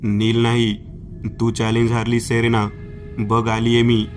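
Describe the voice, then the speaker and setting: A man's voice: medium pitch, monotone, measured pace, soft background music, close to an everyday voice. A man voicing a brave young woman in a horror story, speaking firmly and defiantly. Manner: firm, defiant.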